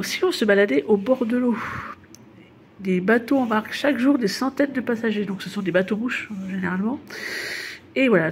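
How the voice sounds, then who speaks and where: Speaking at a medium pitch with a little hiss or hum in the audio, a Parisian woman leads a guided city tour. Her narration is casual and addressed to the listener, chatty and informal, and she laughs whenever she slips up.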